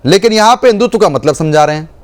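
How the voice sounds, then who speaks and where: A man's voice: high voice, animated, fast. Pressing male TV anchor. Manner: pressing, confrontational questioning. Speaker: TV debate anchor. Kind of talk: heated TV debate.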